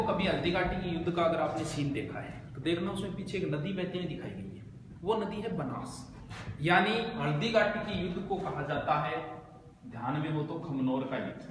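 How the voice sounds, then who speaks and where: A man giving a brisk exam coaching lesson, explaining memory tricks and repeating the key points. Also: on the high side. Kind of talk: quick spoken geography lesson with memory tricks. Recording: very echoey, noisy room.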